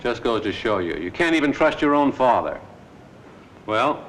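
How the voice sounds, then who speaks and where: A man playing a shrewd, unsentimental buyer in terse, deadpan 1940s screwball comedy banter. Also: mid-range voice, normal speed. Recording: distant, faintly noisy old film soundtrack.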